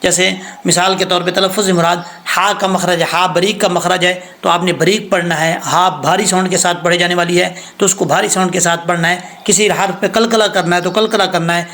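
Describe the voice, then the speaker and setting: A man teaching Quran tajweed patiently, breaking into slow recitation of verses. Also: sits high, fairly even intonation, sharp tone. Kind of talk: recorded recitation lesson.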